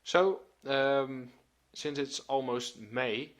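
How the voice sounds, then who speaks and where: Young guy in his 20s doing a watch review, talks slow, lots of uh and um, mid pitch. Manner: relaxed, hesitant with many fillers. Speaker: watch reviewer, channel host. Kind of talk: casual video review.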